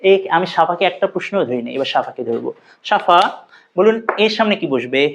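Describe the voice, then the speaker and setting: A woman teaching English pronunciation. She keeps firing quick questions at her students and coaxes answers out of them. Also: deep voice, animated, dull audio, slight background noise. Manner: quizzing students, brisk and coaxing. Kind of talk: classroom lesson. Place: classroom with students.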